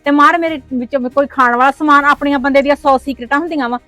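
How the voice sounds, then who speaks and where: A Punjabi woman in a scripted family drama, playing a sister-in-law who scolds and jabs with sarcasm. Her voice sits high and the words tumble out fast. The sound is dry and close, with faint music underneath. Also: steady tone, pushed and bright, no room sound.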